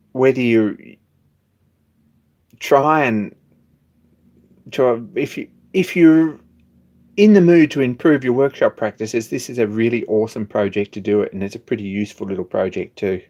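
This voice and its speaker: A man's voice: medium pitch, a little mellow. A man, hosting a hobby machine shop live stream and chatting casually, rambling with restarts and chuckling now and then.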